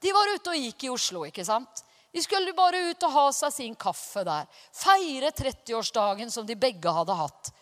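A woman preaching a sermon, telling stories with animated, emphatic rises. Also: sits high. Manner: animated storytelling with rising emphatic peaks. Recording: reverberant hall.

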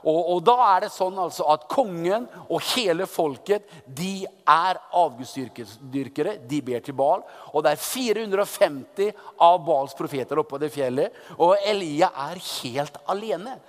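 Norwegian-speaking preacher in echoey hall. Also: male voice, fairly high pitch, few pauses. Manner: lively, teasing storytelling with repeated restarts. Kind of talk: sermon retelling a Bible story.

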